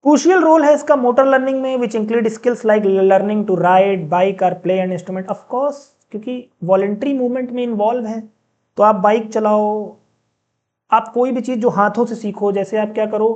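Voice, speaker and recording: Male teacher in a casual lecture, mellow, a bit lo-fi; chatty, asks the class questions. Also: high voice. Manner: mixes in read-out English sentences, slowly.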